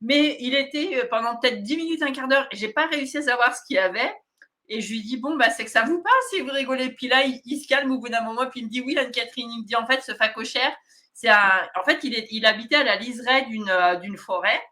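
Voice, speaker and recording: Woman medium chatting, bright higher voice, lively storytelling w lots of laughs. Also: fast. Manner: animated, laughs often while telling anecdotes. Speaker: medium, guest. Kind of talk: casual storytelling.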